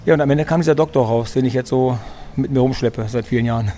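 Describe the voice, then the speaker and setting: A man's voice: medium pitch, quick pace, warm tone. A man, a sports physician, chatting as an interview guest in a restaurant, telling his story and often repeating words while he searches for phrasing. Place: restaurant in Munich.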